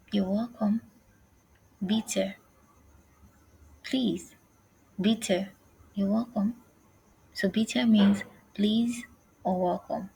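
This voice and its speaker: Slow, breathy woman teaching a lesson. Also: medium pitch, warm tone, poor audio. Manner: slow and careful, repeating each phrase twice. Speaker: language teacher. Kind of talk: online language lesson.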